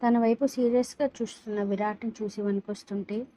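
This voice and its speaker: A woman narrating a dramatic story aloud in a steady, even reading voice. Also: mid-range voice, a little fast, low-quality recording.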